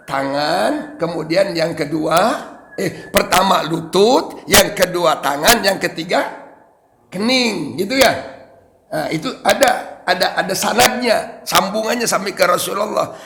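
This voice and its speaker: A man's voice: high voice, creaky, fairly bright tone, long reverb tail. A man with a Sundanese accent, a preacher giving a religious study lecture to his congregation and explaining Arabic text line by line with joking asides. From West Java, Indonesia. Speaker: Islamic preacher.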